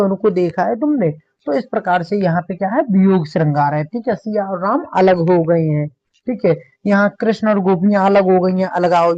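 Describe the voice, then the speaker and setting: A male teacher explains classical poetry in a grammar lesson. He recites each verse slowly and deliberately, then breaks it down in plain chatty talk, often pausing to check that listeners follow. The recording is dry and sounds dull, lacking top end. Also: sits high, darkish tone, no room sound.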